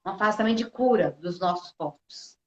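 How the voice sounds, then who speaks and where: A woman's voice: medium pitch, animated, moderate pace, a little mellow. A woman hosting a live interview, chatty, greeting viewers by name and asking long questions. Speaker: host, state deputy. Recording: echoey, dull live-stream audio.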